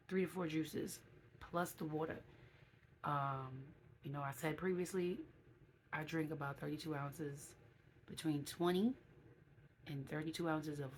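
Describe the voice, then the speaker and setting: A woman's voice: deep voice, a little hiss or hum. A woman in her late thirties giving a casual vlog update, chatty and reading from her own notes with asides. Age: 30s. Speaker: vlogger.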